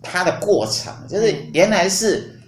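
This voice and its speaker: A man hosting a podcast, retelling a myth in a lively, playful way. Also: high voice, a little slow. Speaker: podcast host. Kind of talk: storytelling in casual chat. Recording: roomy recording with faint hum.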